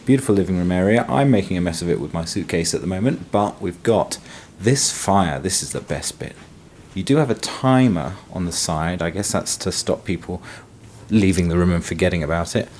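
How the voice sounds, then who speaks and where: A man's voice: sits low, fairly quick, darkish tone, slight background noise. A young man giving a chatty, wry walkthrough for a travel vlog. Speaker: travel vlogger. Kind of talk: casual walkthrough to camera.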